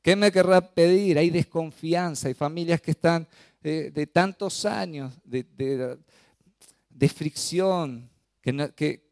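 A middle-aged Argentine man, a pastor, preaching a sermon with lively storytelling and acted-out voices. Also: fairly high pitch, slow pace, gravelly, dry recording, studio quality. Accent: Argentine Spanish. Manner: storytelling, animated, acts out voices.

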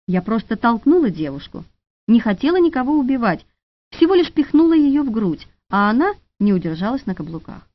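A woman's voice: a little high, very animated, fairly quick, dry recording. A woman voicing a very old woman who insistently repeats her plea, in a dull, dry studio recording. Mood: pleading. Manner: insistent, repetitive pleading.

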